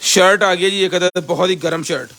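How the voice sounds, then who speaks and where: High-voiced Pakistani man doing hard-sell live pitch. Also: steady tone, normal speed, sharp tone. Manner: hard-sell ad patter, repeating prices. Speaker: live-stream seller of container goods. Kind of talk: live sales pitch, casual and repetitive.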